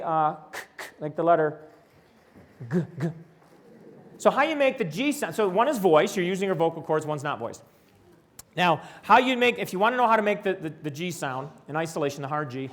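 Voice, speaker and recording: An older man giving a conference lecture on reading, animated and demonstrating speech sounds aloud. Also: fairly high pitch. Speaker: presenter. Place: lecture hall.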